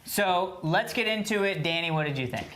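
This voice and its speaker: A woman hosting a casual review show who briskly steers the talk and passes turns to her co-hosts. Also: lowish voice, lively intonation, a bit bright. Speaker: show host.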